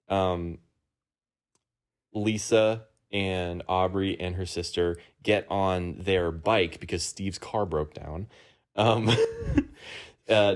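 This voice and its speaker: A man's voice: low-pitched, darkish tone. A man hosting a casual podcast, rambling through a movie plot recap with lots of ums and uhs among friends. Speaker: podcast host.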